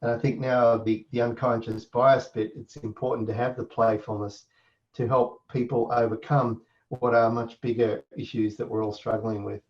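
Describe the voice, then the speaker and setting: A man hosting a video call, giving halting closing remarks with many restarts. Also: mid-range voice, little pitch movement. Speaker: event host. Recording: dull lo-fi call audio.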